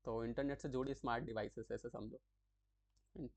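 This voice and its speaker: Male tutorial host, mid pitch, chatty and repetitive, close dry mic. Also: fairly even intonation, a little mellow, no echo. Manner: chatty, repeats terms slowly, frequent "thik hai" check-ins. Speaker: tutorial creator explaining acronyms. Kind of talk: casual explanatory lesson.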